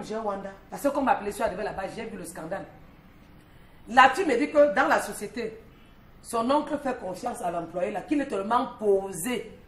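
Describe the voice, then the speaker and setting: A woman's voice: medium pitch, reverberant, slight background noise. A woman columnist on a morning talk show, telling a street story in a chatty, teasing way. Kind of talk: lively storytelling chat.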